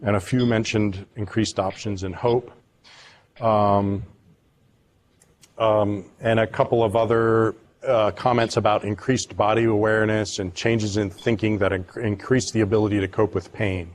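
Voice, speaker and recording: A man, an acupuncturist, giving a lecture on study results, pausing often with ums and restarts. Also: fairly low pitch, flat delivery. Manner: halting, with many ums and restarts; reads patient quotes aloud, moved at times. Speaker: acupuncturist presenting research. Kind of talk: academic lecture presentation.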